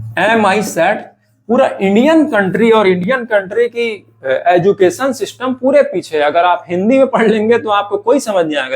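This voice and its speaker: A man teaching English grammar, drilling example sentences over and over. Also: high voice. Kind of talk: classroom grammar lesson.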